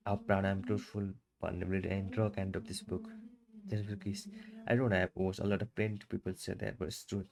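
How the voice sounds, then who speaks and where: A man reading a book aloud for his channel, in a halting, stumbling way with restarts. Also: low-pitched, flat delivery, vocal fry, crowd noise.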